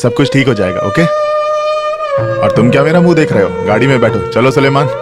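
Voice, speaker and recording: A natural, mid-range male voice, expressive and a little fast, dubs the lead of a film: a cheerful middle-aged man joking with his family as he leaves. The scene plays over a soundtrack with loud music.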